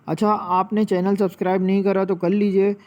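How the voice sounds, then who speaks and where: A man who teaches children, telling a casual anecdote to viewers in a friendly, chatty way and slowly drawing out each Arabic letter as he corrects its pronunciation. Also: high-pitched, level tone, lo-fi sound. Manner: slow, drawn-out enunciation of Arabic letters.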